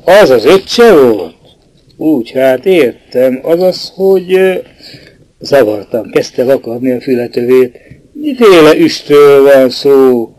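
A man playing a cautious, plain-spoken working-class mason who answers slowly and guardedly. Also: mid-range voice, darkish tone, no room sound, natural voice, low-quality recording.

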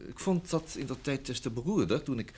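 In a vintage Dutch radio drama recording, a man plays a polite, busy secretary who explains things uneasily in hesitant phrases, repeating words. His medium-pitched voice is animated and brisk, a little mellow, with a breathy edge.

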